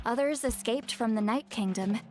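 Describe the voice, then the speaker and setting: A woman as a calm, commanding game leader. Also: a little high, moderate pace, faint music behind, lightly acted. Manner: calm, authoritative explaining. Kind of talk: game voice acting.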